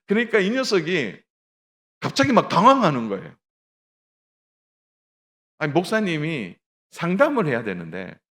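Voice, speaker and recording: Middle-aged male pastor, sermon delivery, animated pitch, acts out the dialogue in his stories. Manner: tells a story with acted dialogue, addresses the congregation directly.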